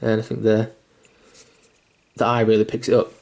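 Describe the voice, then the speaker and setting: A young man with a lowish, creaky, slightly mellow voice speaks at a normal speed in a completely flat delivery. He's hiccuping while giving a laid-back miniature painting tutorial, meandering with fillers, restarts, and occasional swearing, in a mildly self-deprecating way.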